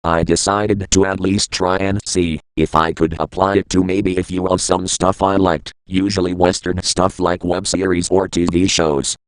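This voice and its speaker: A man's voice: deep voice, flat delivery, moderate pace, few pauses, smooth, no echo, rough recording. A man reading a scripted creepypasta as a first-person narrator. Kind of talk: scripted horror story narration.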